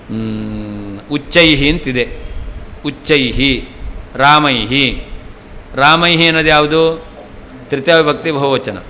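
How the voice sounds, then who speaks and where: In a temple hall, an older male scholar with a bright, forceful voice on the high side gives a traditional scripture lesson. Patient in his explanations, he repeats key terms, and long hall reverb and faint ambient noise fill the recording.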